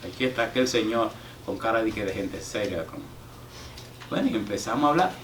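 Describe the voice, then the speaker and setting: Pastor preaching from far off in an echoey hall. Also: male voice, on the low side, lively intonation, fairly bright tone, slight background noise. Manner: storytelling with call-and-response to the congregation; reads scripture slowly and emphatically. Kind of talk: sermon. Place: church hall.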